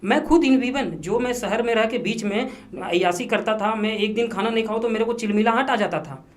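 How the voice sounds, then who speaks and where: A man in a podcast studio spins a story as the guest, piling up repeated phrases and slipping in English words as he goes. His telling is lively and emphatic, full of little restarts and asides to the host. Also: sits high, a little fast. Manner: animated, repetitive storytelling, mixing English words into Hindi. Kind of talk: casual storytelling interview.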